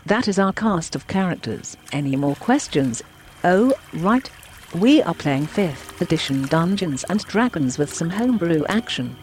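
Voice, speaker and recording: A woman's voice: fairly low pitch, expressive, measured pace, a little mellow, a little hiss or hum. A synthetic female robot voice reading a scripted podcast intro in a chirpy way. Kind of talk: scripted text-to-speech intro.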